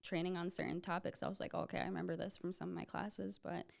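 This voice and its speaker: Woman, 20s, from Ethiopia, podcast guest, casual, low voice, smooth. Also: quick pace. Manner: relaxed, peppers speech with "like". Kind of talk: casual chat.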